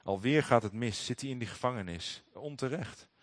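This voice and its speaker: A man's voice: mid-range voice, normal speed, dry recording. A man reading a Bible passage aloud and commenting on it in a sermon, hesitant, with frequent fillers and restarts. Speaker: preacher.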